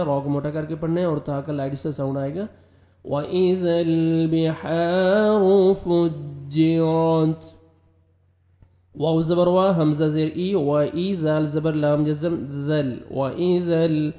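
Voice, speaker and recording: Man, Quran recitation teacher, mellow tone, roomy echo, quick explaining, slow chanting. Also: a little high, fairly even intonation. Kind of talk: tajweed recitation lesson.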